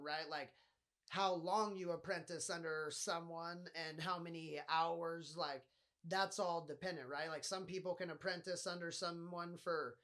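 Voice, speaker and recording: Brief: fairly high-voiced nasal man, loose profane podcast monologue. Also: fairly bright tone. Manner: rambling, swears often. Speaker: podcast host. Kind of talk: casual solo podcast monologue.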